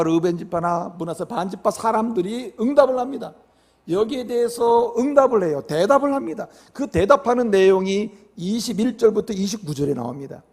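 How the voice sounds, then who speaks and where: Male pastor, high voice, sermon delivery that swells on repeated questions. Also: darkish tone, slightly rough, in a large hall. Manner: preaching with rising emphasis on repeated questions.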